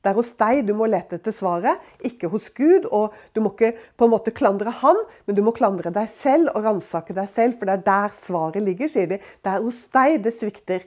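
A woman's voice: medium pitch, lively intonation, few pauses, a little mellow. A woman giving a conversational Bible teaching, talking in a chatty way with many fillers and tag questions to her listeners.

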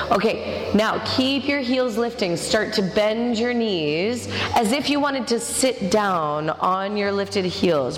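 A woman teaching a yoga class, giving directive step-by-step cues and counting breaths. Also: mid-range voice. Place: large echoey indoor studio with a class. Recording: echoey hall with music behind. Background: music.

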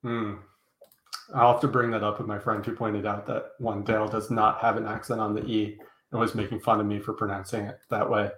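A man's voice: fairly low pitch, little pitch movement, a little fast, a bit bright. A man chatting as a guest on a casual fantasy football podcast, frank and self-deprecating about his takes. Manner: frank, self-deprecating, talks up strong opinions. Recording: echoey room sound.

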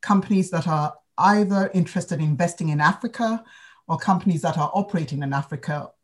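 A woman in her fifties from Ghana, answering interview questions in a measured, explanatory way. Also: on the low side. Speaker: guest, sustainability advisor.

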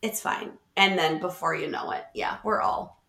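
A middle-aged woman co-hosts a casual podcast chat in a lowish, gravelly voice at normal speed. She's an animated storyteller who laughs often and acts out quotes, and the room has an echo.

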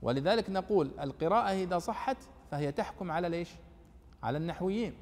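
A man's voice: sits high, expressive, fast talker, darkish tone, long reverb tail. A man giving a classroom lecture on exegesis, asking and answering his own questions.

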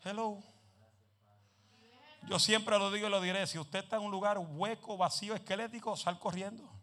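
A man preaching a sermon as pastor, telling humorous stories, mixing in English phrases and building up to shouted exhortations. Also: high voice, fairly even intonation, moderate pace. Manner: drops English phrases into his talk; humorous storytelling.

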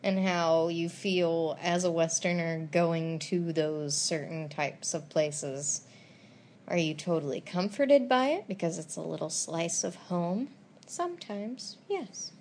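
A young woman talks through her day in easygoing vlog chat, giggling and teasing as she goes. Her voice has a gravelly, fry-tinged edge over a faint hiss of background noise. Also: on the low side, takes it slowly, darkish tone. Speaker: travel vlogger. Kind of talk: casual chat.

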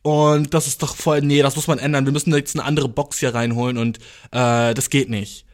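A man's voice: medium pitch, level tone, normal speed, natural voice. A man voicing a fussy young woman who complains at a party, in a whiny, insistent tone. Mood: complaining.

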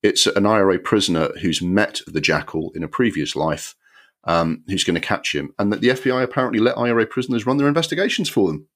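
A man hosting a film podcast, giving an animated, exasperated review with many ums and the odd swear word. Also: fairly low pitch, quick pace.

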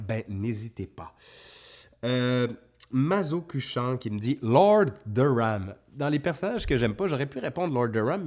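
A man's voice: mid-range voice, darkish tone. A man with a Quebec French accent hosting a casual question-and-answer session, reading questions aloud and answering off the cuff in a conversational way. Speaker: history video host.

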